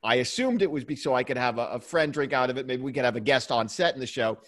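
A man's voice: medium pitch, animated, quick pace, fairly bright tone. Chuckling man chatting from his basement. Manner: rambling, with frequent restarts and chuckles. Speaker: podcast co-host. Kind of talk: casual chat. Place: home basement studio.

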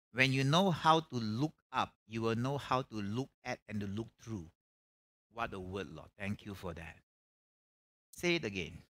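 A man's voice: mid-range voice, fairly bright tone. A middle-aged man preaches a conversational revival sermon, emphatically, with repeated phrases and rhetorical questions. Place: church stage, indoors.

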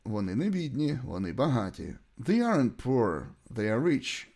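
Here a male English teacher with a Ukrainian accent from his native language leads a bilingual lesson. He's very animated, his average-pitched voice rising and falling vividly, with a slightly mellow tone, as he presents short sentences deliberately for repetition.

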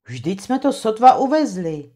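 A woman voicing a timid male gamekeeper who objects humbly and slowly. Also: on the high side, very animated, mellow, pitched above the performer's own voice. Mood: humble.

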